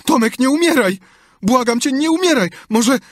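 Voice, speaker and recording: A man voicing a frightened young boy who pleads in a shrill, alarmed voice, read in an audiobook. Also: lively intonation, normal speed, no room sound, studio quality. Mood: panicked.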